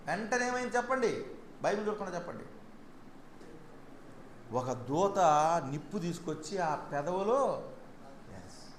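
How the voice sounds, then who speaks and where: A male pastor preaching a sermon and mixing in English lines. He swings between loud, urgent declarations and sudden soft, low asides. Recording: echoey room with faint background noise.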